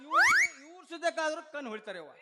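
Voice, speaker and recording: Stage comedy: a man as a fretful old dad, high and pleading, over loud live music. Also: big pitch swings, racing. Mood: lecturing. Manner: pleading, repeats endearments, loud stage delivery. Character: doting, pleading old father of a daughter. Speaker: stage actor.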